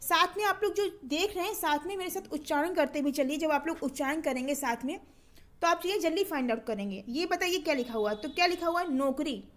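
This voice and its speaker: Woman, high voice, patient teacher, repetitive drilling, asks questions, exam-prep lesson. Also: quick pace, fairly bright tone. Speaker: Hindi teacher.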